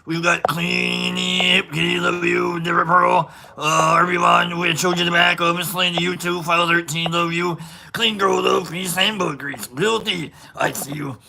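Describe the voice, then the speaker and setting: A low, gravelly cookie-loving monster put on by a streamer barks out rowdy greetings. The rasp is thick and the tone sits sharp and forward. He sounds greedy and boisterous. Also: steady tone, a little slow, exaggerated voice.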